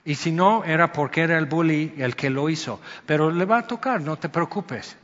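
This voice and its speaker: A man's voice: a little high, normal speed, a bit bright. A man preaching a sermon, chatty and storytelling, breaking into sudden emphatic outbursts. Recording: dull sound with long hall reverb.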